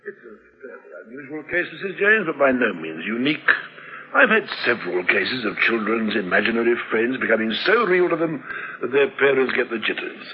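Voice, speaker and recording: An actor playing a calm, kindly old family doctor who explains things in a reassuring, unhurried way, in a 1960s radio drama. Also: male voice, mid-range voice, close to an everyday voice. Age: older. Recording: dull lo-fi 1960s radio recording.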